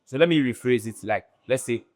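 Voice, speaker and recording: A man with a Nigerian accent hosting a casual podcast chat, halting and rephrasing his questions as he goes. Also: mid-range voice, a little mellow, no room sound, studio quality. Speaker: podcast host.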